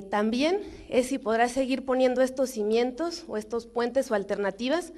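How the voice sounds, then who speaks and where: A woman's voice: mid-range voice, darkish tone. Mexican woman giving an informal talk. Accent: Mexican Spanish. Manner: measured, with frequent fillers and restarts. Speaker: invited speaker at a forum.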